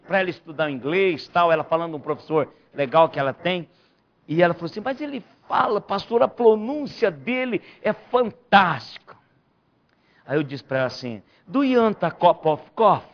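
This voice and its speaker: A man, a pastor, teaching a Bible study and stressing key phrases by repeating them. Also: a little high. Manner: emphatic preacher, repeats key phrases, rising to near shouts. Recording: dull lo-fi church recording.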